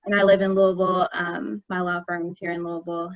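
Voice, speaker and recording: A woman's voice: lowish voice, little pitch movement, fairly quick, no echo. A woman from Kentucky casually introducing herself in a group conversation on a video call. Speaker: attorney and panel participant. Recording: dull dry video call audio.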